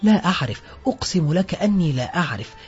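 A man's voice: on the high side, brisk, mellow, close to an everyday voice. A man playing a frightened pleading thief. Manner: pleading, anxious protests. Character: frightened pleading middle-aged male thief. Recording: dull lo-fi with faint music.

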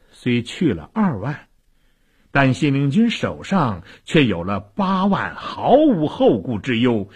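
A man telling a historical tale dramatically, swinging from loud declaiming to hushed low asides. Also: slightly rough. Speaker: storyteller.

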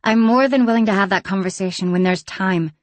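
A woman reading an audiobook, voicing a sharp-tongued, impatient young woman. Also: mid-range voice, brisk, no room sound, natural voice.

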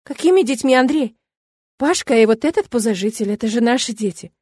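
A woman reading the lines of a playful, teasing young wife in an audiobook, her voice lifted higher than her narration. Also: expressive, a little fast, dark tone, slightly rough, dry recording, studio quality. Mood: surprised. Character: tender, playful woman, newly pregnant wife.

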